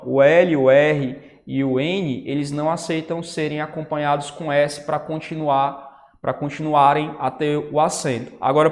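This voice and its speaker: A man's voice: fairly high pitch, darkish tone. A man teaching a grammar lesson who explains step by step and keeps checking in with his students. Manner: explanatory, says "né?" and "ó" often. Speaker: Portuguese teacher. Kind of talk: online lecture on grammar. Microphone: writing on a tablet while talking. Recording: long reverb.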